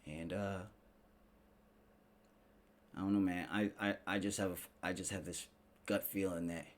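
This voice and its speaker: A man hosts a casual commentary show, ranting and mimicking people in a slangy, sarcastic, profane style. His voice is low and steady at normal speed, and the background is clearly noisy.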